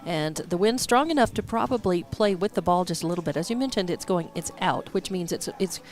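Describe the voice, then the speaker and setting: A woman's voice: lowish voice, expressive, fairly quick, darkish tone, soft background music. A woman doing color commentary at a local baseball game, friendly and conversational with rambling asides.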